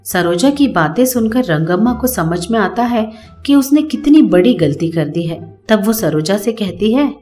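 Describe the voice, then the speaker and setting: A woman's voice: medium pitch, a little slow, soft background music. Woman narrating a cartoon story. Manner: steady, plain storytelling.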